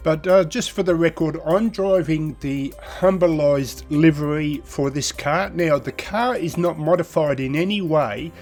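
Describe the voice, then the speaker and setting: A man's voice: on the high side, unhurried, few pauses, darkish tone, soft background music. A man hosting his sim racing channel in a casual, chatty way, his voice nasal and congested from a head cold. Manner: chatty, rambling, enthusiastic. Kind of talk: casual video commentary.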